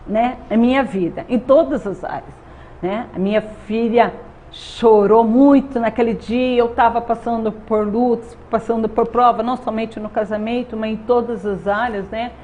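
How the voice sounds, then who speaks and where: A woman's voice: fairly high pitch, steady tone, moderate pace, warm tone. Earnest Brazilian woman giving testimony. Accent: Brazilian Portuguese. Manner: earnest, repeats "né?" often. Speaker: interview guest. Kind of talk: personal faith testimony. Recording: dull lo-fi sound with faint noise.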